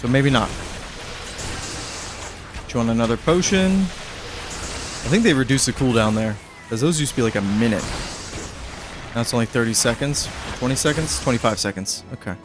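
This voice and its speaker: A gaming streamer jokes with the on-screen characters while chatting casually through his gameplay. His medium-pitched voice is expressive and moderately paced, broken by long pauses, with music playing under it.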